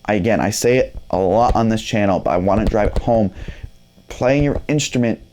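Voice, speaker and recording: Lowish-voiced guy teaching guitar, chatty, keeps saying right? and you know. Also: a little fast, darkish tone, a little hiss or hum. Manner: conversational, fillers and "right?" tags. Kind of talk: casual video lesson.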